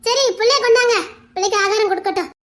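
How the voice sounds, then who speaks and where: A woman's voice: very high voice, very fast, a bit bright. A woman playing an exasperated wife and mother who scolds her husband in a family comedy skit. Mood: curt.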